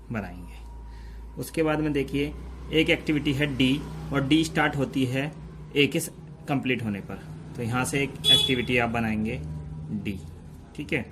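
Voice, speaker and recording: A man giving a step-by-step lesson, explaining slowly and checking in often with his listeners. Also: medium pitch, fairly bright tone, slight background noise. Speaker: teacher. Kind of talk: step-by-step lecture.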